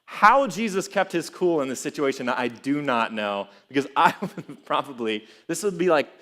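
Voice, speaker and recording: A man's voice: a little high, normal speed. Casual young man preaching, chuckling often. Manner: casual, chuckling, animated storytelling. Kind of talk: sermon.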